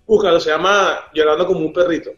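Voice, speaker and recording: A man co-hosting a casual chat, telling stories in an animated, excitable way full of slang. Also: fairly high pitch, quick pace, faint music behind. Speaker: podcast co-host. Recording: dull, echoey room sound.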